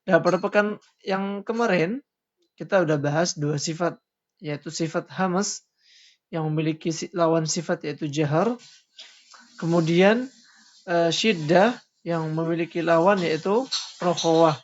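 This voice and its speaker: A man teaching Quran recitation rules in a lesson, loudly voicing each letter sound before explaining it more quietly. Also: a little high, a little slow, long pauses. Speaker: tajwid teacher. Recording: dull lo-fi recording.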